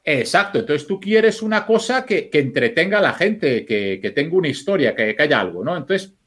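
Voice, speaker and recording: A man's voice: a little high, sing-song, moderate pace, a bit bright. A man, a film editor talking casually as a podcast guest, telling loose, swear-filled stories with many restarts. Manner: loose, swearing storyteller, thinks aloud with restarts.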